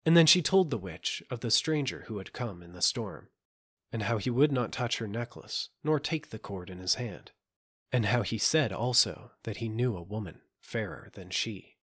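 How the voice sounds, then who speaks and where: Expressive male storybook narrator. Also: lowish voice, moderate pace, breathy edge. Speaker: audiobook narrator.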